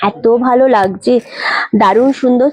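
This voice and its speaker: A young woman with a Kolkata Bengali accent, chatting through a live-stream sales pitch, urging viewers to book quickly. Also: a little hiss or hum. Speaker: saree seller on a live stream. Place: boutique shop.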